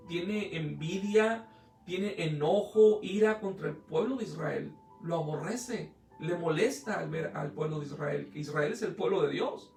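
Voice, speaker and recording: A man's voice: sits high, gravelly, darkish tone, roomy sound, distant mic. A man preaching a sermon as pastor, retelling a story with acted quotes, often hesitating and restarting. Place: church hall.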